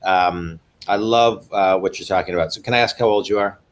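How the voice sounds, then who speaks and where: Forties male host, lowish voice, eager and repetitive, interviewing over a video call. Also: fairly even intonation, brisk. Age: 40s. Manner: eager, repeats words when starting a thought. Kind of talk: livestream business interview.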